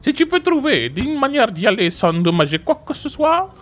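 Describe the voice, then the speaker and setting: An excitable male police chief from a game, talking high and bouncy with a Marseille accent, as a man puts him on. His voice leaps around constantly, with soft music in the background. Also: moderate pace, full character voice. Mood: briefing. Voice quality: high and bright.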